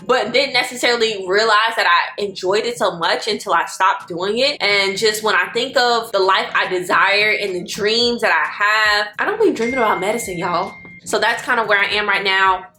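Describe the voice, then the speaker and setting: A Florida vlogger in her twenties chats playfully with viewers while getting ready, drawling slang and now and then breaking into song. Her mid-range voice is bright and forceful, and the room is echoey with faint music.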